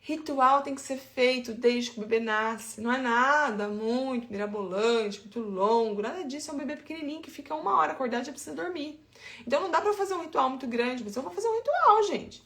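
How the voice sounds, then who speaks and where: With a roomy sound around her, a Brazilian woman in her thirties speaks fairly quickly in a high, fairly bright voice and a Brazilian Portuguese accent. She's an infant sleep consultant giving chatty, emphatic advice straight to listeners in an informal way.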